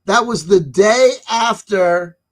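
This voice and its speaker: A man's voice: high-pitched, takes it slowly. A man around middle age hosting a rambling livestream monologue, talking in an emphatic, insistent way and repeating himself. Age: 30s to 40s. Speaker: livestream host.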